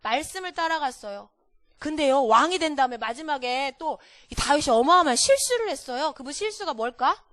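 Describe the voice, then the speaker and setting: A woman's voice: high-pitched, expressive, a little fast, a bit bright, dry recording, studio quality. A woman teaching a children's Sunday school sermon, telling a Bible story and constantly quizzing the children.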